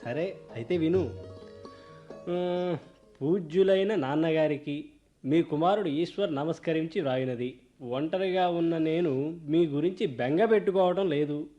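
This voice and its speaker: A man's voice: a little high, unhurried, mellow, faint music behind, lightly acted. Radio play: man as a grumbling, teasing father, lo-fi sound. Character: older village father, gruff and teasing.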